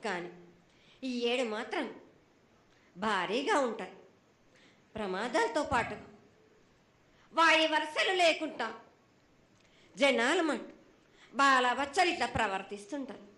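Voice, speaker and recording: A woman's voice: sits high, expressive, unhurried, long pauses, pushed and bright. A woman speaking as a goddess in a prophetic trance voice, in short, broken, repetitive phrases, stern and admonishing. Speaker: oracle delivering temple festival prophecy. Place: temple festival.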